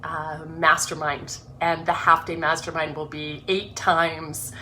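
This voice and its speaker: Emotional gushy woman on a live stream, reads her own book then chats, kinda lowish pitch, bright forceful tone. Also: little pitch movement, slow, a little hiss or hum. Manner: effusive and emotional. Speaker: host of an online group livestream. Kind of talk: reading her own book aloud, then casual chat. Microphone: webcam or phone livestream.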